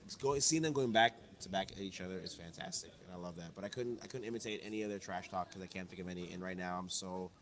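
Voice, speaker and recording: A man's voice: low-pitched, fast, few pauses. A hungover man rambles through casual podcast chat, swearing freely as he talks about competitive play. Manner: casual, profane, rambling storyteller. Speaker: podcast guest, competitive fighting game player.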